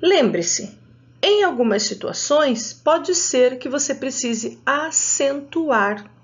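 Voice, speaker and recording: A woman teacher with a Brazilian Portuguese accent giving a patient, clearly articulated lesson to adult students, spelling out sounds. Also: high-pitched, animated, slow pace, highs cut off.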